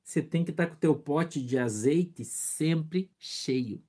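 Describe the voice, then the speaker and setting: A man's voice: on the high side, takes it slowly, mellow, husky. A male pastor preaching a sermon, acting out little scenes, asking rhetorical questions and greeting members of the congregation by name. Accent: Brazilian Portuguese.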